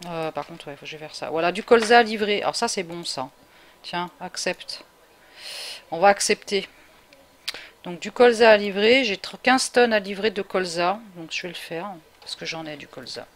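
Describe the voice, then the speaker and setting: During casual live gameplay commentary, a woman from Paris, France, speaking with a Parisian French accent, chats away, answers viewers, and frequently laughs. Her voice is fairly low in pitch and moves at a moderate pace.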